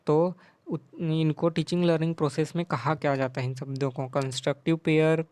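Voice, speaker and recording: A male teacher explaining exam questions in Hindi, reading the English questions slowly and adding tag questions as he goes. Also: fairly high pitch, a little mellow, no echo.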